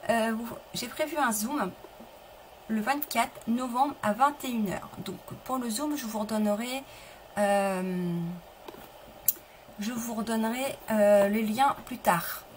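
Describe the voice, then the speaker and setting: A chatty middle-aged woman hosts a live craft tutorial from her home table, her voice sitting a little high. She talks loosely, restarting sentences and answering viewers as she goes. The stream audio carries clear background noise. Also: slow pace, low-quality recording. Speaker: papercraft demonstrator.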